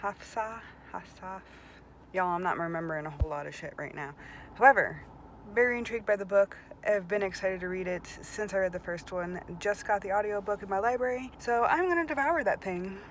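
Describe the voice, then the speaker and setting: A book vlogger chats her way through a casual, rambling book review, swearing freely and now and then dropping to a whisper. Her mid-range voice moves a little fast over a rough recording with slight background noise.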